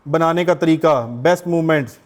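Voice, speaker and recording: A middle-aged Pakistani-accented man lectures a class in a high voice. He explains things step by step. He keeps stopping to put questions to his students. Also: little pitch movement, brisk. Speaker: teacher.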